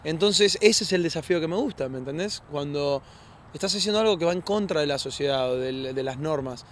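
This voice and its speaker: A man's voice: on the high side, a little fast, a little hiss or hum. A man with an Argentine accent answering interview questions in an earnest, reflective way, often restarting and asking "you know?". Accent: Argentine Spanish. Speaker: actor being interviewed.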